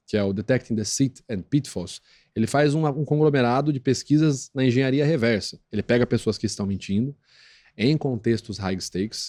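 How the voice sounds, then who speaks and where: A man with a Brazilian accent speaking as a guest expert on a podcast, explaining step by step in a teaching tone and often checking in with "né?" and "tá?". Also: darkish tone. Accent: Brazilian Portuguese. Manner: didactic, peppers talk with tag questions; acts out quoted voices in a high squeak. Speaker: guest expert on lie detection. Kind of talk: explanatory podcast interview talk.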